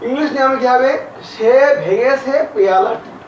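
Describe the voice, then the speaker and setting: A male English teacher, teaching grammar to a class slowly, repeating and spelling out each word. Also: extremely high pitch, slight background noise. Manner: slow, repeats and spells out words. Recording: echoey, distant, dull lo-fi audio.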